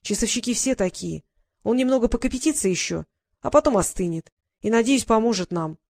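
A woman reading the part of a kind, protective teenage boy in an audiobook, speaking calmly and gently. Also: on the high side, brisk. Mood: gentle.

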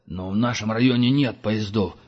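A man voicing a clever, nervous young lad who chatters quickly and pleads. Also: lowish voice, in a large hall, highs cut off, lightly acted. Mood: frightened.

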